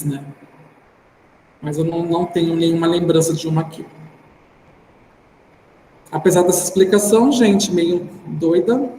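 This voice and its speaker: Heard in a roomy, reverberant space with faint background noise, a man with a fairly high, warm voice teaches an online class. His Brazilian Portuguese accent comes through as he thinks aloud informally and tacks "né" onto his sentences.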